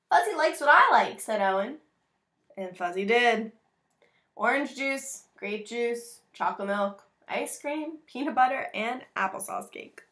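An American woman in her thirties reads a picture book aloud to children, expressively, dropping in chatty, simply worded asides. Her voice is fairly high and fairly bright. She's recorded in a small room at home lined with bookshelves.

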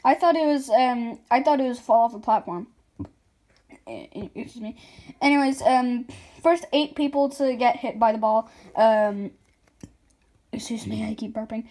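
A woman voicing all the characters of her amateur animated object show, rambling with many ums and restarts. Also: fairly high pitch, normal speed, long pauses. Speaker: creator voicing every character.

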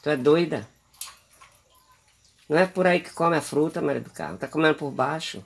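A man from Brazil with a gravelly, husky voice. He chats on a handheld phone video, coaxing his pets in a sing-song way and turning aside now and then to his viewers. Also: on the high side, lively intonation, normal speed. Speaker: vlogger. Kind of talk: casual home video chat.

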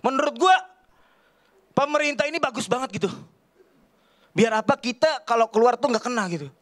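A man in his thirties from Kalimantan, doing a stand-up comedy set on a TV studio stage into a handheld mic, with an animated, rambling, slangy delivery. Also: very high voice, moderate pace. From Kalimantan, Indonesia. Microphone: handheld microphone.

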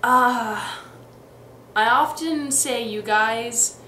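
Her voice is fairly high, pushed and bright, and she draws out her words. The young adult vlogger, from Texas and Missouri, US, has a light Midwestern accent and rambles chattily through a casual accent tag vlog with many ums and restarts, filmed on a webcam indoors in a roomy bedroom against a faint ambient hiss.

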